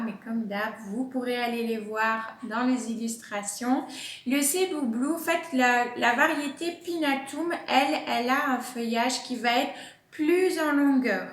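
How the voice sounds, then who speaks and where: A woman with a high voice talks slowly and casually about her houseplants, pausing often with fillers as she explains. The sound has the ring of an echoey room at home. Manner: chatty, hesitant with many fillers. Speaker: plant channel host.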